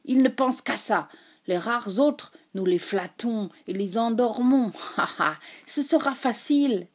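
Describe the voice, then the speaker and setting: A woman's voice: fairly high pitch, unhurried, slightly rough. A woman reading aloud, voicing an enraged young man who jeers and laughs as he rants. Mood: mocking. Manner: jeering, mixes anger and laughter.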